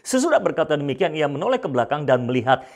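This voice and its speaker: A man preaching a sermon, addressing his listeners directly and swinging between loud repeated phrases and hushed asides. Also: on the high side, sing-song, fast. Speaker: pastor.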